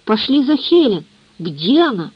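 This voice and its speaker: A woman's voice: a little high, very animated, unhurried, breathy edge, dry recording, full character voice. A woman voicing an anxious young son in an audiobook, who urgently pleads with and coaxes his drunken father. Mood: anxious coaxing. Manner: urgent, coaxing. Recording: muffled lo-fi dry recording.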